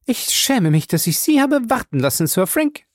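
A man voicing a chattering, warm-hearted older woman who gushes breathlessly. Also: sits high, big pitch swings, moderate pace, no echo, clean studio sound, voice pushed up. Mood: gushing.

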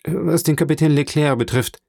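A man's voice: fairly high pitch, normal speed, gravelly, dark tone, dry recording, clean studio sound, pitched above the performer's own voice. A man reading the part of a scheming, envious ship's clerk in an audiobook, sly and insinuating.

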